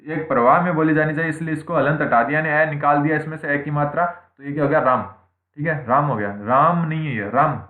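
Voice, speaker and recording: A man teaching Hindi grammar in an online exam-prep class, who keeps asking questions and answering them himself and checks in with "theek hai" after nearly every point. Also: a little high. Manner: repeats points, asks and answers own questions. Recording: echoey room, tinny phone-like sound.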